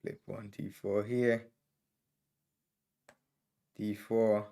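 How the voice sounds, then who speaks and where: Extremely slow and flat, this warm, fairly low male voice carries vocal fry and a Trinidadian accent. The man, from Trinidad and Tobago, streams live as he reviews chess games move by move, thinking out loud and announcing moves in short bursts.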